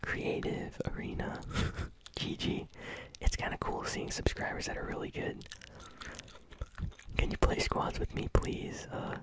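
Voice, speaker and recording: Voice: unhurried, long pauses. Whispering gamer chewing gum. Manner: whispering throughout; chewing gum while talking. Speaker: gaming channel host. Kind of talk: whispered ASMR gameplay commentary.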